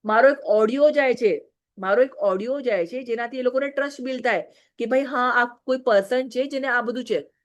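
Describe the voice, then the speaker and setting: A woman's voice: fairly high pitch, a little fast. A married woman giving a direct, scolding training talk to her business team, often checking "okay?". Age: adult, married.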